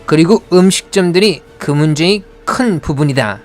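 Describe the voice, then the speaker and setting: A man's voice: fairly high pitch, expressive, normal speed, faint music behind. A man teaching English pronunciation in Korean with a Korean accent, explaining patiently and modeling words.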